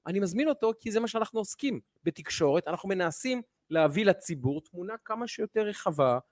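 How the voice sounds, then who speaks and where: A man with a rather high voice delivers an impassioned, argumentative monologue about his work as a TV journalist. He is emphatic, often pausing on fillers and restarting his sentences. The sound is dry and close, with no room echo. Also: animated. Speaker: TV journalist and interviewer. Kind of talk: impassioned opinion monologue on a podcast.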